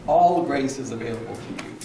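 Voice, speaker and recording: A man's voice: medium pitch, lively intonation, brisk. A man pastor preaching an earnest sermon and calling on his congregation to repeat lines after him. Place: church hall. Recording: echoey room, mic at a distance, faint noise.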